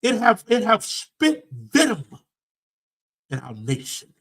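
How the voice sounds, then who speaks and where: A man's voice: high voice, huge pitch swings, slow pace. Emphatic preacher man with drawl. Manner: preacherly, repeats phrases for emphasis, swings from loud to soft. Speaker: pastor and personal development teacher. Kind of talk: preaching-style talk to an audience.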